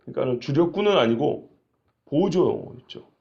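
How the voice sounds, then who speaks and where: A man preaches an expository sermon in an easy, conversational way, stopping to ask his listeners rhetorical questions. His voice has a gravelly, fry-edged texture at a middle pitch. The recording sounds dull and lo-fi. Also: animated, moderate pace. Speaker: pastor.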